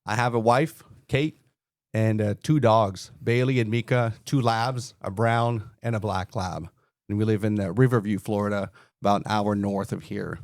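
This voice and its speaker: A firefighter-paramedic in his forties from Montreal, Canada, appears as a podcast interview guest and tells stories in an easygoing way. French is his first language, and he speaks with a Quebec French accent. His fairly low, moderately paced voice is a bit mellow with even intonation, captured in a dry, clean studio recording.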